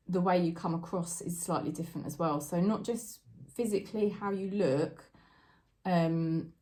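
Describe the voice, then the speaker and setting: A woman giving a daily tarot reading to camera, talking in a chatty, heartfelt way about spirit guides and loved ones. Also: fairly low pitch. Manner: chatty and warm-hearted, tearful and laughing at times. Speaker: tarot reader.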